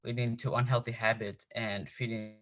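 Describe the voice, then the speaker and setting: A man's voice: medium pitch, level tone, moderate pace, dull audio. A man presenting slides over a video call, his audio choppy and cutting in and out as he reads from a script. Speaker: student presenter.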